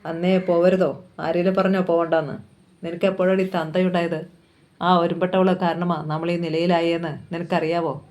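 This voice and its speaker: A woman's voice: lowish voice, level tone, moderate pace, darkish tone, muffled recording, close to an everyday voice. A woman reading as a harsh bitter old mother. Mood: scornful. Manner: scornful, snapping.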